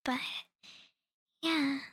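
A young woman whispering softly close to the mic, rambling and apologetic, with many pauses and ums as she updates her listeners. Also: no room sound. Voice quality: soft whisper. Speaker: audio creator updating listeners.

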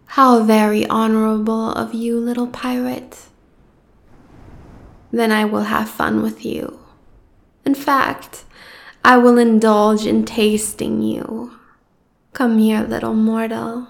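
A woman voicing a cruel, gloating giant goddess who speaks in slow, taunting threats. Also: a little high, flat delivery, gravelly. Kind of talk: fantasy audio roleplay.

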